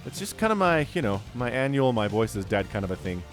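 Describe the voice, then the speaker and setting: This casual game commentary comes from a StarCraft caster and host whose mid-range voice sounds congested with a cold. Speaking at a quick pace over soft background music, he keeps up a chatty, joking patter and gets excited at the fights.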